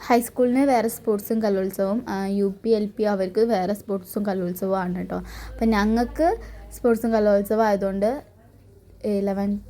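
A woman's voice: mid-range voice, dark tone. A woman, giving a casual running commentary of her morning cooking as a family vlogger, filming herself alone on a phone in her home kitchen. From Kerala, India. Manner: chatty running commentary, tags many lines with a friendly "you know". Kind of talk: casual narrated cooking vlog. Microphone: phone camera, filming herself alone.

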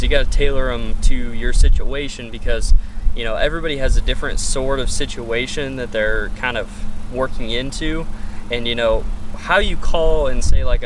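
A man in his twenties giving a casual, encouraging how-to talk to camera as an informal instructor. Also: medium pitch. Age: 20s. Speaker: hunting instructor demonstrating duck calls. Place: open grassy lakeside, outdoors. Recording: distant outdoor microphone with clear background noise.

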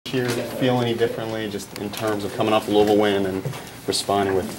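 A man's voice: on the low side, level tone, quick pace, noisy background. A man, a reporter, asking hesitant questions at a press conference.

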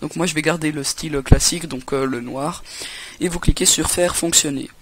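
A man's voice: fairly high pitch, fairly even intonation, normal speed, fairly bright tone, breathy edge. A young man from France hosting a casual computer tutorial, talking hesitantly with many fillers and restarts. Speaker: tutorial host. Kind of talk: casual screen-recorded tutorial.

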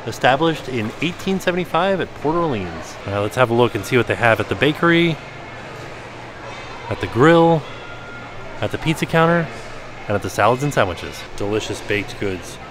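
Music plays beneath this man's medium-pitched, lively voice as he talks at a normal pace. He vlogs a walking tour of a resort on a handheld camera, thinking aloud with casual curiosity in the restaurant hall and out on the grounds.

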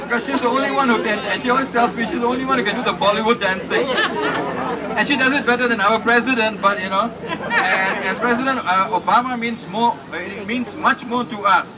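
Guy from singapore joking at an outdoor rally, high voice, crowd all around, phone filming from far. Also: very noisy. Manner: humorous, emotional, halting restarts. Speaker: village councilman. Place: outdoors on building steps in a crowd. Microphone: handheld mic, filmed by a phone from far off. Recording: distant phone video of a crowded street rally.

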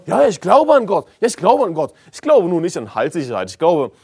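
A preacher mocking a smug false teacher. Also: male voice, high voice, wildly swooping pitch, brisk, a little mellow, breathy edge, voice pushed up, full character voice. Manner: mocking, falsely friendly, self-assured. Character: smug male false teacher, mocked caricature.

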